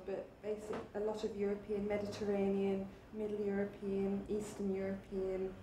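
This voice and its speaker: A woman's voice: medium pitch, mellow, a little hiss or hum. A woman chef and restaurant owner explaining her dishes plainly and matter-of-factly in a casual interview. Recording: roomy restaurant sound.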